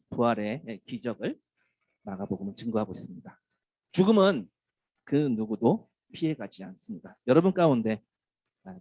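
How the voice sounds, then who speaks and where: A man, a pastor, preaching a sermon, who now and then acts out tender lines in a soft voice. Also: medium pitch, slightly rough, no echo, low-quality recording. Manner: lively, acts out tender wake-up calls in a soft voice.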